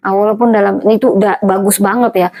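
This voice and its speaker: A woman's voice: mid-range voice, steady tone, fast talker, mellow. A middle-aged woman pastor from North Sumatra preaching a sermon in a firm, emphatic way, often turning to address the congregation directly. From North Sumatra, Indonesia.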